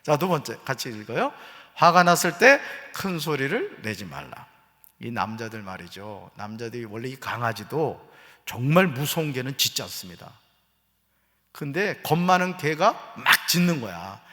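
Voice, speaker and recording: This middle-aged man speaks at a moderate pace with a medium-pitched voice, preaching as pastor in a church sanctuary. His humorous, animated delivery mixes jokes and quoted voices, teasing the congregation and then growing earnest. The church hall reverb is audible.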